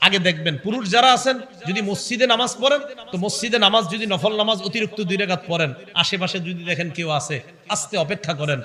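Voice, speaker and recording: A young man preaching an Islamic waz sermon, switching between animated explanation and slow chanted Quran recitation. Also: sits high. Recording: long hall reverb.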